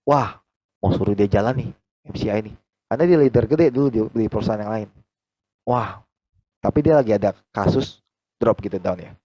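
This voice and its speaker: A man, leading a team training over a video call, animated and acting out quoted conversations. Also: fairly quick, long pauses, dry recording, dull audio. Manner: animated, acts out quoted dialogue with big pitch jumps.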